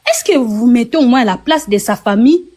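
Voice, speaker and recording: A woman's voice: fairly high pitch, expressive, fairly quick, heavy background noise. A woman from Kinshasa speaking as a guest on a live-stream debate, emotional and insistent, with a voice that trembles. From DR Congo, Kinshasa. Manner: shaky, emotional, apologetic, insistent.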